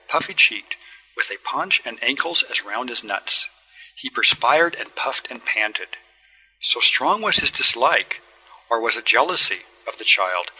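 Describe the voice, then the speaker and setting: A man narrating a classic story in the first person, in a measured, wry telling. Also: mid-range voice, bright, forceful tone, breathy edge, poor audio. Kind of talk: storybook reading.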